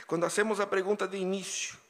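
A man's voice: high-pitched, level tone, quick pace. A man pastor preaching a sermon in a conversational way, full of rhetorical questions and casual asides. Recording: long hall reverb.

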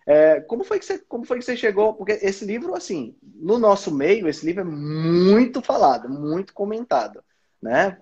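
A man's voice: sits high, very animated, normal speed, darkish tone, husky. A man with a Brazilian accent hosting a casual interview, enthusiastic and often repeating words as he thinks. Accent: Brazilian Portuguese. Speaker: interview host. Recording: dull lo-fi audio.

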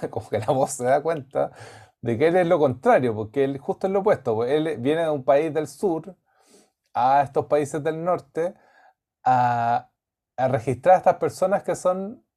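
Mellow-voiced man reflecting on a documentary. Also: a little high, expressive, measured pace, pauses often. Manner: reflective, searching for words. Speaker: podcast co-host. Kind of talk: casual film discussion.

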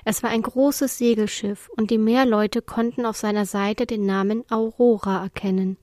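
A woman narrating a children's storybook chapter in a clear, even reading voice. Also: a little high, moderate pace, no echo. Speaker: audiobook reader.

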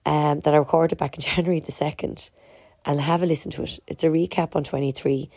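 A woman's voice: deep voice, steady tone, fairly quick, a little mellow, no room sound, clean studio sound. A middle-aged Irish woman with a stuffy, congested nose, talking candidly and emphatically in a chatty motivational podcast monologue to her listeners. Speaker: podcast host, fitness community organiser.

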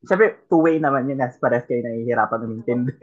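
Halting woman on a slightly dull recording. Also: very deep voice. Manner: halting, restarts often, mixing Filipino and English. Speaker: podcast co-host. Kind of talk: casual chat.

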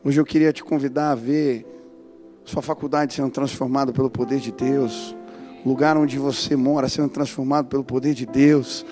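A man with a Brazilian Portuguese accent preaching a sermon as a pastor, moving between hushed, intimate passages and loud, fervent climaxes. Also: medium pitch, fairly even intonation, moderate pace, soft background music.

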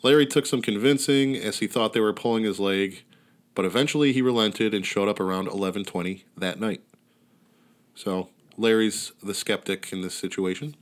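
Here the podcast host's voice is lowish and his speed normal. He recounts a story in the same easygoing, wry manner with casual cursing, while neighborhood ambience plays outside behind him.

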